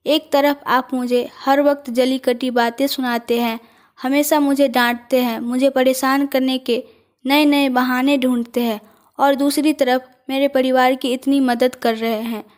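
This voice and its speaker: Flustered, quick-tempered young office worker, high voice, read by a woman storyteller. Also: little pitch movement. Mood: confused.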